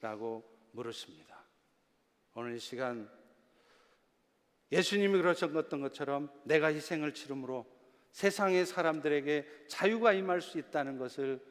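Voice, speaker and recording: High-voiced male pastor preaching in a reverberant hall. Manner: swings between loud emphatic preaching and hushed soft delivery. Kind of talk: sermon. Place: church sanctuary. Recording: long reverb of a church hall.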